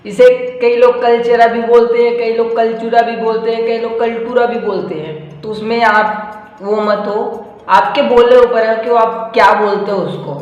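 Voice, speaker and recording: A man's voice: high voice, steady tone, moderate pace, dull audio. A male teacher giving a live online exam-prep lecture, explaining step by step, often checking in with "theek hai" and asking his students rhetorical questions. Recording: very echoey room with long reverb and faint music.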